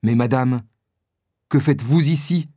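A man reading a storybook aloud, voicing an eager, courteous young swordsman with a quick delivery. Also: mid-range voice, warm tone, dry recording, studio quality, natural voice.

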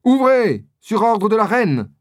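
A reader shouting as a bold young musketeer. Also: medium pitch, big pitch swings, slow pace, no echo, studio quality, voice pushed up. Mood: commanding. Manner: shouting commands, anguished. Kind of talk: storybook reading.

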